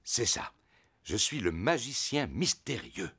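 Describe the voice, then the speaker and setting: A man's voice: mid-range voice, sing-song, slow, fairly bright tone, breathy edge, no echo, clean studio sound, full character voice. A man voicing a jovial, good-natured daddy pig in a cartoon, with a hearty, theatrical delivery. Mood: conspiratorial. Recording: music behind the voice.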